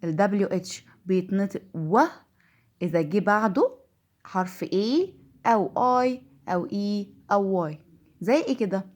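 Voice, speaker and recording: A woman with an Egyptian Arabic accent teaching English pronunciation, patiently repeating each word slowly. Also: medium pitch, a little mellow. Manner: patient, repeats words slowly to drill them. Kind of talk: classroom-style lesson.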